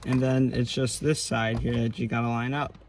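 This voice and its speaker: Handling clicks and slight noise mark this home video of a man demonstrating a CB radio installation at a car in his garage. He chats informally as his hands work, at a moderate pace in a mid-range voice with little pitch movement.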